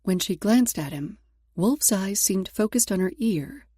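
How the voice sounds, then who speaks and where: A woman's voice: medium pitch, animated, unhurried, dark tone, husky, no echo, studio quality. A woman narrating romance fiction from a script in a sultry, intimate storytelling manner. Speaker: audiobook narrator.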